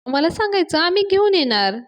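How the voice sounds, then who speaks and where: Woman reading a pushy young man, high voice, won't let others talk. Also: big pitch swings, quick pace. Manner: pushy, talks over others. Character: brash young man pushing a party.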